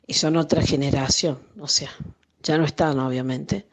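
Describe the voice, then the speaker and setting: Low-voiced reflective Argentine woman. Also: fairly even intonation, normal speed. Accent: Argentine Spanish. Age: 50s. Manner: thoughtful, searching for words with restarts. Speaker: interview guest, artisan and translator. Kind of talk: reflective conversational interview.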